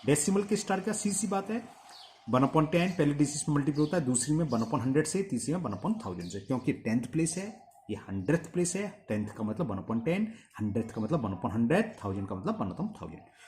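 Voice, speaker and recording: Lively male maths teacher. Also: mid-range voice, a little fast, a little hiss or hum. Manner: asks questions and answers them himself, repeating steps. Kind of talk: blackboard-style maths lesson.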